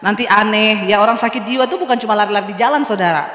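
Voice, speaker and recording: Lively woman pastor preaching in echoey hall. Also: mid-range voice, racing. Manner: lively storytelling with humor and acted dialogue. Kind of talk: sermon. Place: large church hall.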